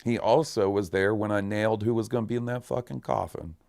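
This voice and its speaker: A man hosting a podcast in casual chat, excitable and swearing a lot. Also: fairly low pitch, brisk, creaky, dry recording, clean studio sound. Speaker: podcast host.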